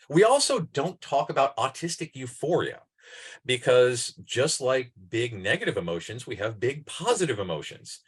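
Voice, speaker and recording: A man's voice: on the low side, fairly bright tone. A male clinician presenting to mental health providers over a video call in an informal lecture style. He digresses often, fills gaps with "uh," and has enthusiastic, emphatic bursts. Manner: tangential and digressive, with frequent "uh" fillers.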